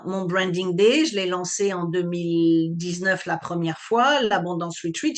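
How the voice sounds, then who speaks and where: French woman coaching a webinar. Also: mid-range voice. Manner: explanatory, checks on listeners with questions. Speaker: online business coach. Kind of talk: live webinar teaching.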